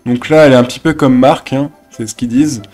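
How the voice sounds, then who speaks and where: A man doing casual reaction commentary, excitable and jokey, laughing often. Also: mid-range voice, fast talker, soft background music. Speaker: reaction youtuber.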